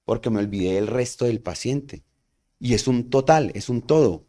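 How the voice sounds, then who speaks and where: A man's voice: medium pitch, moderate pace, dark tone. A man teaching a community first aid class. He asks the audience questions and answers them himself. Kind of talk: community training talk.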